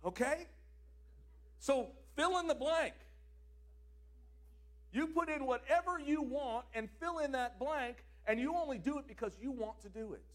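A man preaching a sermon, emphatic, swinging between loud declarations and quieter asides. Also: very high-pitched, measured pace, long pauses.

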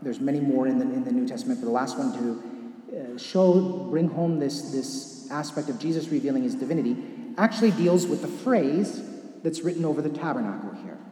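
A man preaching a teaching sermon, explaining scripture in a measured way and dropping to a hushed voice for quoted verses, recorded in a church. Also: on the high side, roomy sound, long reverb tail.

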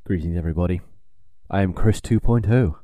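A man's voice: deep voice, a little fast, dry recording, phone-quality sound, voice pushed down. A man putting on the voice of a stiff robotic male clone, sounding more like a mechanical droid than a person. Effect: none, a put-on robotic droid voice without processing. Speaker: podcast co-host. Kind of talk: casual movie-podcast banter.

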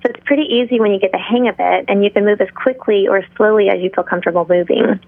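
A middle-aged woman speaking in a calm, measured, instructional manner, like a yoga teacher guiding a class. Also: mid-range voice, vocal fry, no room sound. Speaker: yoga instructor, interview guest. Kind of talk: interview talk with guided breathing and pose instruction. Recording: tinny narrow phone-like line.

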